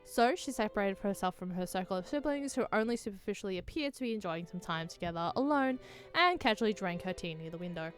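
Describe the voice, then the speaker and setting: A woman reads a visual novel aloud in a loose, sweary way. Her voice sits at an ordinary pitch. Soft music plays behind her. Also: lively intonation, quick pace, few pauses. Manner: swears and laughs at her own voice attempts. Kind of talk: casual dramatic read-along.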